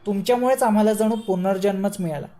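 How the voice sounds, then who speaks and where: A woman's voice: medium pitch, fast, mellow, lightly acted. A woman reading as an eager young man. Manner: eager, earnest.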